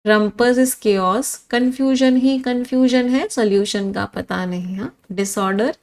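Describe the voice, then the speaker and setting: A woman's voice: on the high side, measured pace. A woman with an Indian accent teaching English vocabulary in a live online class, listing synonyms and reading out student comments. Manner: animated, reads comments and drills synonyms with students.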